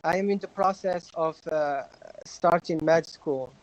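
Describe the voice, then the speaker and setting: A young man from Morocco introducing himself on a livestream, hesitant with many pauses. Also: a little high, low-quality recording. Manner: hesitant, many fillers and restarts. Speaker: livestream guest. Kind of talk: casual self-introduction.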